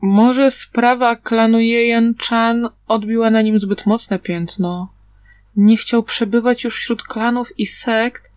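A woman narrating a story aloud in an even, steady reading manner. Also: on the high side, no echo. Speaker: audiobook narrator.

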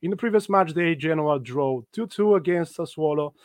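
A man hosts a football betting live stream with upbeat, presenter-style delivery. His voice sits a little high. The sound is close and dry, with no room around it. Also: normal speed, no room sound. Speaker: host.

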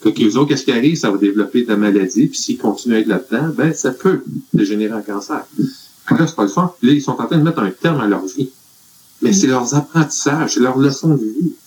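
Man, Quebec French accent, earnest, rambling, many fillers, mid pitch. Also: fairly quick, a little mellow, poor audio. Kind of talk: casual advice chat.

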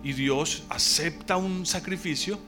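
A man's voice: a little high, measured pace, over music. A man preaching a sermon to his congregation, emphatic, drawing out key words and posing rhetorical questions.

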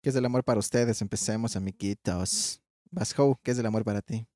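A young man hosting a casual comedic chat, playful and quick to laugh, with exaggerated greetings. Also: mid-range voice, steady tone, dark tone, no echo, studio quality. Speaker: podcast host.

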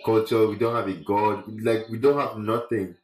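A man's voice: lowish voice, little pitch movement, moderate pace, a little mellow. A man talking casually and reflectively, making earnest points with emphatic repetition. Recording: roomy, echoey sound.

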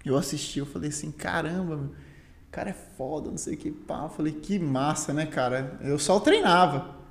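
A man's voice: a little high, lively intonation, moderate pace. Slangy Brazilian man, roomy echo. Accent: Brazilian Portuguese. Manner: slangy, peppered with "cara" and "né". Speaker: guest, Muay Thai fighter and teacher. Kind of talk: casual storytelling chat. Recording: roomy, echoey sound.

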